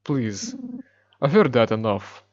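A quiet young woman survivor, soft-spoken and caring, as a man reads her lines. The voice is low in level, slow, on a dull lo-fi recording. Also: animated. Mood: gentle.

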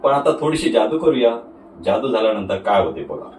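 A man's voice: lowish voice, sing-song, a little fast, darkish tone. A man with a Marathi accent presenting magic tricks like a kids party magician, explaining each step simply to the viewers. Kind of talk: magic trick demonstration to camera. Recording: roomy echo, distant mic, faint noise.

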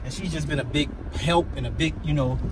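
A man's voice: fairly high pitch, fairly quick. A man vlogging from behind the wheel, talking loosely and profanely straight to his viewers about flipping auction cars. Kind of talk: casual vlog while driving. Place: inside a moving car. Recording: loud road and car noise.

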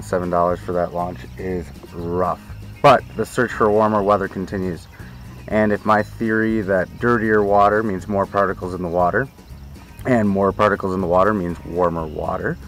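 A man talks in a low voice, chatty and easygoing. He speaks out on an open lake, picked up by an action camera mounted on a small fishing boat, with faint music underneath. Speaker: fishing vlogger. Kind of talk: casual fishing vlog.

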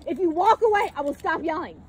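A mother in an outdoor park yelling defiantly at police, repeating demands to be left alone. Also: very high-pitched, expressive, fairly quick. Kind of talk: heated street confrontation.

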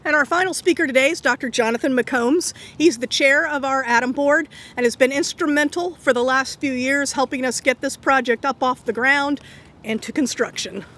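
A woman's voice: high-pitched, moderate pace, fairly bright tone, slight background noise. A woman acting as emcee, giving brief, welcoming introductions at an outdoor event. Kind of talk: event hosting.

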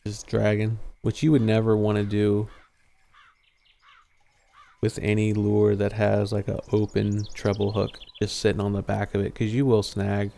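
A young man streams a fishing game over livestream headset audio, his low, mellow voice close to the mic. His speech is gravelly and flat in tone. He explains mechanics in a relaxed, rambling way, full of ums and half-finished thoughts. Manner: laid-back, explains as he plays, trails off with fillers. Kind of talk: casual live gameplay commentary.

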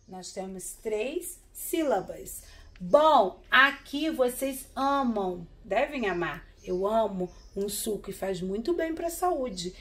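Bright-voiced teacher, slow and patient. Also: female voice, mid-range voice, lively intonation. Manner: slow, syllable-by-syllable sounding out of words; patient, coaxing with frequent "tá?" and "né?". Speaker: primary school teacher. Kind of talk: online literacy lesson for young children.

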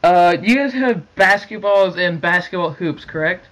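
A man making a prank call over the phone, chatting casually in a halting, repetitive way. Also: sits high, animated, fairly bright tone. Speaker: prank caller. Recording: dull lo-fi phone call recording.

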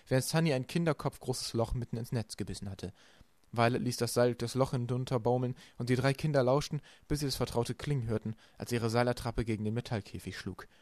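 A man narrating a storybook with a quick, lively delivery. His voice sits in a middle register and the recording is close and dry, with no room sound. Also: mid-range voice, dry recording. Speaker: audiobook reader.

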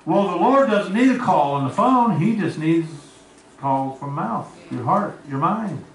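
A man's voice: high-pitched, lively intonation, unhurried. A man preaching a sermon as pastor, telling homespun stories and calling out to members of the congregation by name. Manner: folksy storytelling, talks to congregation members by name. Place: church sanctuary. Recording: echoey room, voice from far off.

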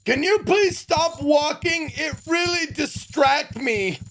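A man's voice: very high voice, animated, takes it slowly, a bit bright, slight background noise, voice pushed up, exaggerated voice. A man voicing a dim-witted, childlike female half-ogre in a video game, with a dopey cartoon bellow and blunt broken grammar. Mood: bellowing complaint. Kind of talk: video game role-play.

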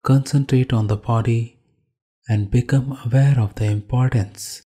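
A man with an Indian accent, his voice husky and medium in pitch, leads a guided meditation as a yoga instructor. He calmly gives brief directions, pausing between phrases.

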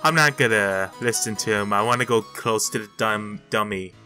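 A man giving casual gameplay commentary in an excitable, sweary, exasperated manner. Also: on the low side, normal speed, faint music behind. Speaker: gamer commentator.

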